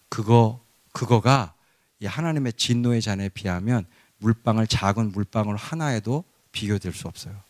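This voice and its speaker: A man preaching a sermon in an animated way, rising to loud cries. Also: lowish voice, no echo. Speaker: pastor.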